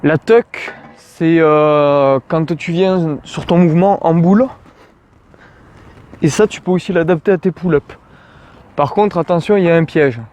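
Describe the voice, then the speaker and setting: A man's voice: a little high, a little slow, darkish tone. French man coaching casually outdoors. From France. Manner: informal, addresses viewer as tu, jokey asides. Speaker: calisthenics coach. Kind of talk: casual outdoor workout tutorial.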